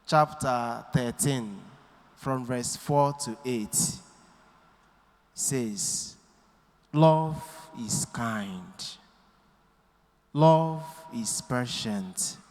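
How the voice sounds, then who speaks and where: A priest preaching a sermon into a pulpit microphone in a church, speaking deliberately and quoting scripture. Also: male voice, mid-range voice. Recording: long church hall reverb.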